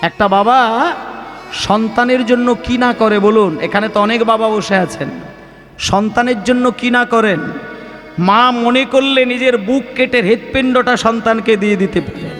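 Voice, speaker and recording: High-voiced impassioned male kirtan preacher. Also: steady tone, normal speed, fairly bright tone, long reverb tail, faint music behind. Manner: impassioned, rhetorical questions to the audience. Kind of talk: devotional sermon with chanting. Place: devotional gathering with live music.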